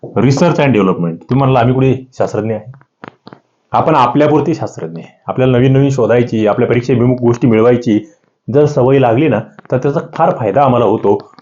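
A man with a Marathi accent teaching an exam-prep lesson, rising sharply in pitch on the key answers. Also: quick pace, darkish tone. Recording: slightly dull lo-fi audio.

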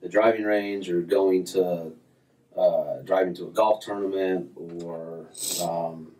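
A golf instructor in his thirties takes it slowly in a low voice while chatting casually as an interview guest. He's relaxed and rambling, with many fillers and restarts. The small office has framed diplomas, and the audio is poor because the mic is distant.

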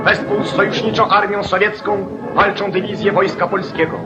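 Man doing old 1940s newsreel narration, rousing and commanding, voice sits high, muffled sound with music going under. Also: fairly even intonation, moderate pace. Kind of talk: declamatory scripted newsreel narration.

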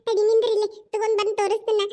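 A woman's voice: extremely high pitch, completely flat delivery, rapid-fire, warm tone. A woman voicing a cheeky, chatty young daughter-in-law in a cartoon, with a North Karnataka accent and a gossipy, giggly way of talking. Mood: excited. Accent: North Karnataka Kannada.

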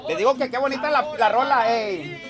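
A man's voice: very high voice, expressive, brisk, loud music behind the voice. A man with a Sinaloa Mexican accent, chatting jovially and rambling in a casual street interview outdoors, laughing often. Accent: Sinaloa Mexican Spanish.

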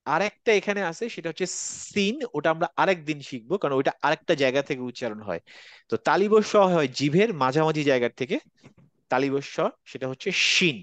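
A man teaching an online class in a fairly high, dry, close voice. He is patient and models each sound slowly so that students can repeat it. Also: lively intonation, fairly bright tone, dry recording. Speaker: Quran reading teacher.

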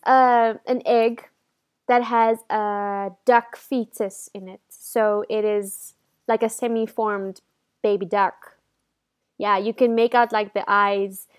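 A woman's voice: a little high, smooth. Chatty young woman vlogging to a phone. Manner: chatty, self-deprecating, giggly. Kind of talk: casual vlog talk to camera. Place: indoor living room at night.

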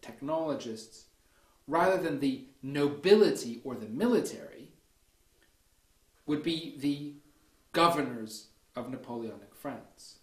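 A man delivering a university history lecture in a measured, deliberate way, often checking in with "okay" and starting points with "so". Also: medium pitch, lively intonation. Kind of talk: academic lecture. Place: lecture room. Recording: echoey lecture room.

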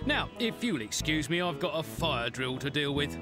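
Pompous, wildly swooping cartoon fire chief. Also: male voice, fairly high pitch, very animated, moderate pace. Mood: amused, breezy. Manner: pompous, breezy, mocking. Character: self-important, dismissive male rabbit fire chief. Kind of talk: children's cartoon acting. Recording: music under the dialogue.

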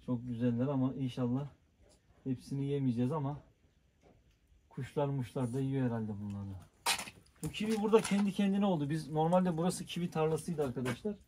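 A man's voice: mid-range voice, brisk, warm tone, slight background noise. A man casually vlogging outdoors, chatting to viewers as he shows his yard and dogs. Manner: chatty, addresses viewers as friends. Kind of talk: casual outdoor vlog narration.

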